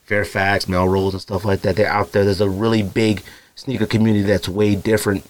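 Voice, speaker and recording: Brisk and fairly low-pitched, with little movement in his pitch, a man from Arizona hosts a solo podcast. He chats casually, rambles with slang and regularly imitates others.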